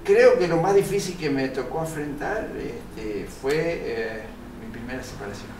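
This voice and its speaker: A man's voice: fairly high pitch, expressive, unhurried. Older Italian-born man, distant and roomy. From Italy. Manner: hesitant, many fillers, earnest. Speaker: interview guest, engineer and researcher. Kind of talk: reflective interview answers. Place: TV studio set. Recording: roomy, distant mic, noisy.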